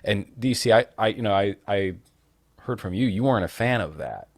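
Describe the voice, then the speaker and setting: Podcast co-host, man, very deep voice, measured and deliberate, dry close sound. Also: lively intonation, no room sound. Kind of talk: casual podcast chat.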